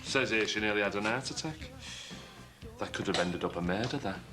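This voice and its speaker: A man's voice: fairly low pitch, fairly quick, close to an everyday voice. An actor playing a sly, suspicious working-class man with a Liverpool accent who keeps pressing with insinuating questions. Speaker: neighbour needling a suspect. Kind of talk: TV soap acting.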